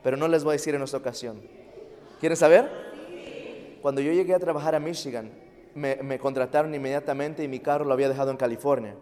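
A man telling a personal story in a sermon to young people, acting out his own lines with lively feeling. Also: medium pitch, fast talker, long reverb tail. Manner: animated, acts out quotes, addresses youth. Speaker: preacher.

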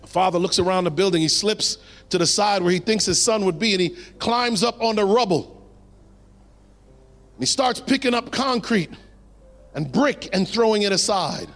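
Male preacher, high voice, dramatic pauses, drops low for emphasis, long hall reverb. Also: lively intonation, a bit bright. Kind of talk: sermon.

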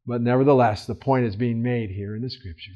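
A man teaching a Bible study in a casual, earnest way, with fillers and restarts, swinging from loud emphasis to soft, quiet asides. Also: mid-range voice, steady tone, brisk, muffled recording. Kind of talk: conversational Bible study talk.

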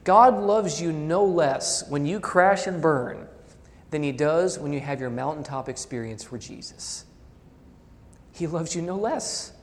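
A male pastor preaching a sermon, reading quotations aloud and swinging between loud emphasis and soft asides. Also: fairly high pitch, a little slow, big-room sound.

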